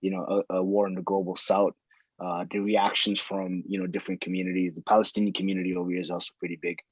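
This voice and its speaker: A man's voice: low voice, little pitch movement, fast talker, breathy edge, dry recording, poor audio. A man in casual conversation, thinking aloud and circling back on his phrases.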